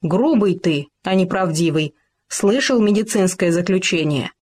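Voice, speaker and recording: The storyteller voicing an excitable, anxious young male gopher, raising the pitch for a storybook reading. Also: unhurried, natural voice. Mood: earnest.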